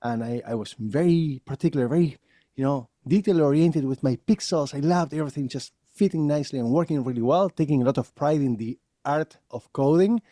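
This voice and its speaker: A man in his forties from Argentina, a guest telling his career story in a lively, laughing way. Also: fairly high pitch, fairly quick, no room sound, studio quality. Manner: animated storyteller, laughs often. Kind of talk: casual interview.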